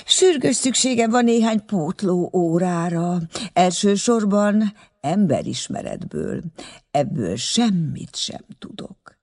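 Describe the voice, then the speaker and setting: A man reading aloud, voicing a playful grown woman who poses as a schoolgirl, in a raised, lively voice. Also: sits high, pitched above the performer's own voice, heavily acted.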